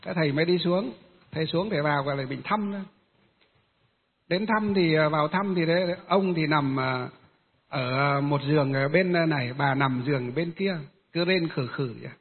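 Husky monk, tinny hall sound. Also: male voice, a little high. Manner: hesitant, many filler pauses. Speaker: Buddhist monk. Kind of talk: storytelling dharma talk.

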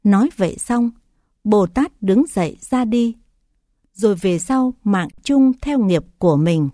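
A woman calmly reading Buddhist scripture tales aloud as a narrator, in an even reading voice. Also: medium pitch, a little slow, no room sound, studio quality.

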